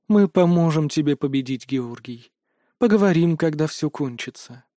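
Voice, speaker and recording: A man's voice: fairly high pitch, expressive, normal speed, no echo, studio quality, lightly acted. A man voicing a sorrowful fir tree goddess. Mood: sad. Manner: soft, sad, without reproach.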